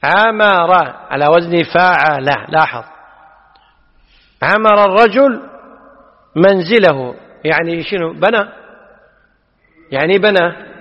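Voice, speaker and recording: Man teaching, high voice, patient explanations, long hall reverb, dull audio. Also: expressive, slow, long pauses. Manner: explains patiently, asks the students questions. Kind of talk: classical text lesson.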